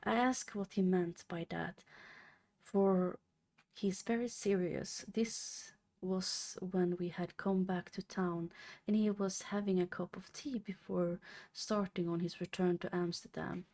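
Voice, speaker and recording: A young woman streamer reading a classic novel aloud on a live stream. She reads haltingly, stumbling over and restarting words. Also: on the low side, fairly even intonation, a little mellow.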